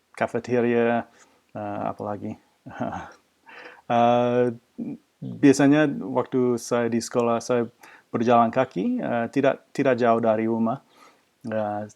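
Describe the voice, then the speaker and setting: A man's voice: medium pitch, creaky, darkish tone, dull audio. An Australian man, a native English speaker, talking about himself as a foreigner in a learned language, with an Australian accent and hesitant searching for words. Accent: Australian-accented Indonesian. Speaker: language teacher. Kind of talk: unscripted personal talk, like an oral interview answer.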